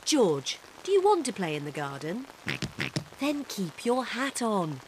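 A sensible, caring cartoon mother pig. She speaks gently but firmly at an unhurried pace with lively pitch, while rain patters audibly behind her. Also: very noisy.

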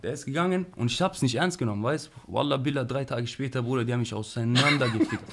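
A man's voice: mid-range voice, quick pace, very noisy. A young man casually telling stories from his past in heavy street slang, with many "bro" and "you know" tags. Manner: animated, slangy, frequent "Bruder" and "weißt du". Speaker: interview guest.

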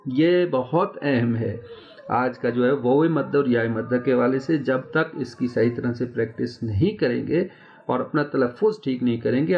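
A man's voice: mid-range voice, vocal fry, highs cut off. A man teaching Quran recitation in an online lesson, patiently drawing out sounds and checking in with his students. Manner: patient, repeats sounds slowly and checks in often.

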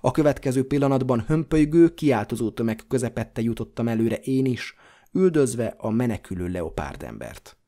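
A man reading a classic horror novel aloud as an audiobook narrator, in a measured, dramatic way. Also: mid-range voice, expressive, dark tone.

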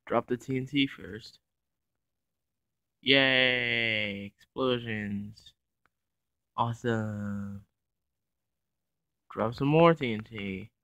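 Guy doing chill gameplay commentary, slow and playful, bright voice, dry close sound. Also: mid-range voice, clean tone, dry recording. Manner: playful, narrates his own actions. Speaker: gaming YouTuber.

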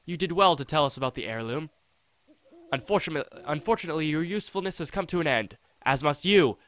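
A man's voice: fairly high pitch, expressive, fairly bright tone. A man reading the lines of a sneering male cult assassin in a video game, cold and menacing. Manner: contemptuous, slow and threatening. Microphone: desktop USB condenser mic.

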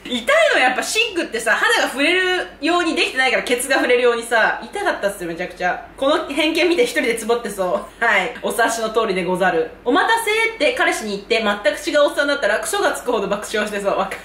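Animated giggly young woman in an echoey room. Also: fairly high pitch, quick pace, few pauses, a little hiss or hum. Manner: animated, giggly and self-mocking. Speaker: YouTuber host. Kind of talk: casual chat reacting to viewer comments. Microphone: camera mic.

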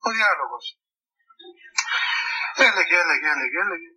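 A man with a Cypriot Greek accent, a monk preaching a sermon full of funny stories, with many halting restarts. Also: a little high, lively intonation, bright, forceful tone, slightly rough, rough recording. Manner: storytelling, chuckling, halting restarts. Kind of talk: humorous sermon talk with anecdotes.

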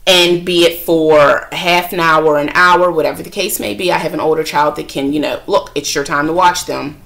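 Frank, chatty woman with a lowish voice. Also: normal speed, gravelly. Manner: chatty, frank and expressive, acting out quoted voices. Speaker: self-help vlogger and mother. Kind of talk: candid talk to camera.

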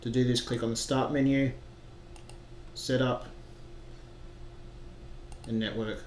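A software trainer narrates a screen recording, slowly guiding viewers through setup steps in a mid-pitched, fairly monotone voice. His delivery is plain and instructional. The audio has a roomy echo, like an untreated room, plus background noise.

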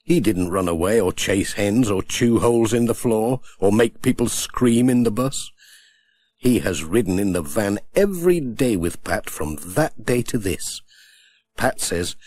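A man reading a children's storybook aloud in a gentle, unhurried way. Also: on the low side, slightly rough. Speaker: audiobook narrator.

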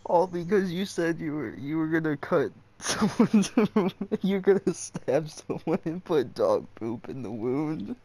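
A man's voice: a little high, lively intonation, measured pace, hardly any pauses, warm tone. A man chatting casually with a friend while gaming, teasing him and breaking into laughter mid-sentence. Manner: teasing, repeats a friend's slip. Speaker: gaming video creator. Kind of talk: casual chat between friends.

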